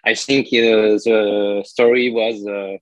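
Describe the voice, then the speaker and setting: Slow, halting Frenchman translating in his head. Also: fairly low pitch, level tone, no room sound, low-quality recording. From France. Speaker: podcast guest and card collector. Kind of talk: casual interview storytelling.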